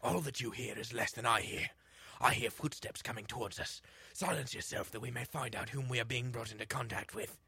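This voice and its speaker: A man voicing a hulking male barbarian warrior in a low, gruff growl. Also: brisk, hardly any pauses, pushed and bright, heavily acted. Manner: low, growling, mock-stern.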